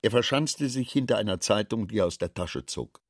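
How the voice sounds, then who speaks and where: A man narrating a radio drama in a slow, expressive reading. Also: fairly low pitch, dry recording, clean studio sound.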